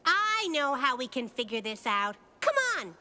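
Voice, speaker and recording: A woman voicing a bossy, quick-witted, determined little girl in a children's cartoon, speaking decisively and plainly. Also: high voice, big pitch swings. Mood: eager.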